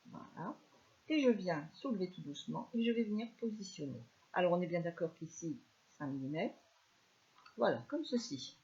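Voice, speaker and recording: Soft-spoken woman demonstrating crafts. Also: fairly low pitch, very animated, moderate pace, muffled recording. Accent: northern French. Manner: speaks softly, chatty, many fillers like "alors" and "hein". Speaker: scrapbooking demonstrator. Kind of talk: live crafting tutorial.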